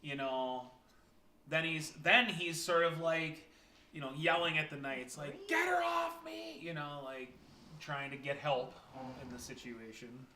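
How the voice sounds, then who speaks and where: Male game master narrating a tabletop session, slightly high voice, drawn-out and halting, roomy echo. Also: fairly even intonation, bright, forceful tone. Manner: slow, hesitant narration with many fillers. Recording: echoey room, faint noise.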